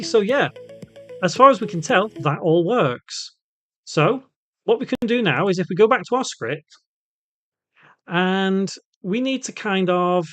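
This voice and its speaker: With a medium-pitched voice, a tutorial host works through an unscripted coding walkthrough, thinking aloud in a casual, conversational way.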